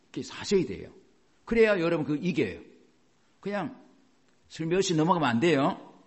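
A man preaching a sermon as a pastor, animated and often acting out the voices he quotes. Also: on the high side, moderate pace.

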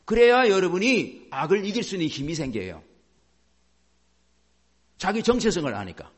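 A man's voice: sits high, very animated, normal speed, husky. A male pastor preaching a sermon, acting out inner self-talk as he goes.

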